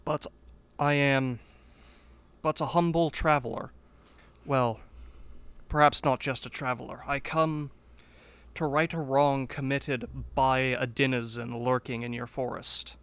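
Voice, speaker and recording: A man's voice: mid-range voice, steady tone, measured pace, a bit bright, smooth. A man playing a humble but resolute wandering warrior in a tabletop game, speaking formally and earnestly.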